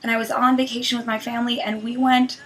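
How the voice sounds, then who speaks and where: A woman's voice: on the high side, flat delivery, fast talker, reverberant, a little hiss or hum, low-quality recording. A woman talking to camera in a sincere, heartfelt, admiring way. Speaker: web comedy group member. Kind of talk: casual to-camera talk.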